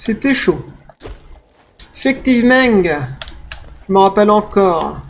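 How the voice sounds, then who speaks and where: Excitable gamer man, lively pitch. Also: takes it slowly, a little hiss or hum. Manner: excitable, yelps and talks to the game. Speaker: gaming streamer. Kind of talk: let's play commentary.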